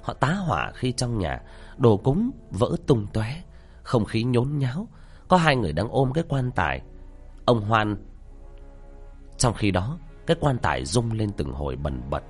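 Low husky guy reading a spooky story, voice swings all over, faint music under it. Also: sing-song, a little slow. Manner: tense, dramatic storytelling. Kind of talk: dramatic horror narration.

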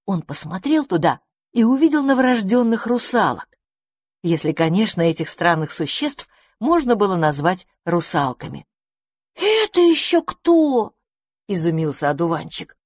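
A woman narrating a children's story in an expressive, animated way. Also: lowish voice, moderate pace, dry recording, studio quality. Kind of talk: audiobook story reading.

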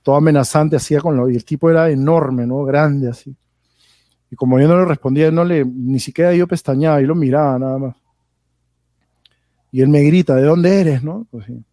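A man's voice: on the high side, brisk, dark tone, dry recording. A man from Peru with a Peruvian Spanish accent, a podcast guest telling anecdotes casually and tagging his phrases with a questioning aside. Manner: rambling storyteller, tags phrases with "¿no?".

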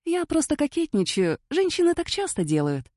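Playful coquettish young woman in an audiobook, a woman reading her, bright lilting voice, animated. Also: high-pitched, normal speed, no room sound, clean studio sound, pitched above the performer's own voice. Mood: teasing.

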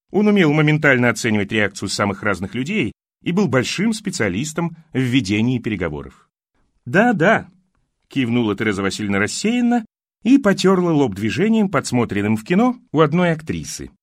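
A man narrating an audiobook in an expressive, wry storytelling manner. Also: medium pitch, no echo, clean studio sound.

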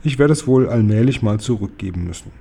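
A huge, kind giant who speaks in a warm, homely way and muddles his words, as a man reading a storybook puts him on. His voice is dark and mellow, and he comes across as gentle and a little crafty. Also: on the low side, expressive, quick pace, breathy edge.

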